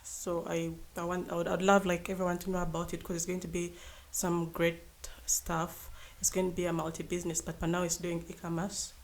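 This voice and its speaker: Lowish-voiced young woman, hesitant guest. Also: monotone, fairly quick, hardly any pauses. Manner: hesitant, restarts often. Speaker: podcast guest. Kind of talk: casual conversation.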